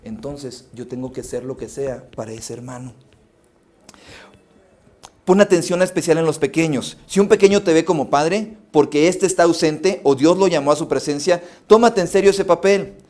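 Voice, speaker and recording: A man's voice: a little high, normal speed, a little mellow. A Mexican man preaching at a pastors' conference, telling stories in a conversational way with many restarts. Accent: Mexican Spanish. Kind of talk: conference sermon. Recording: live phone stream of a sermon.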